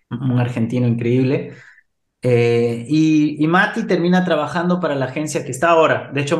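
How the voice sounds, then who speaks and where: A man in his thirties from Ecuador with an Ecuadorian accent, a podcast guest telling a story in a lively way and acting out the voices of the people in it. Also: fairly high pitch. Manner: animated, acts out quoted voices. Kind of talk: casual storytelling. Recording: roomy echo.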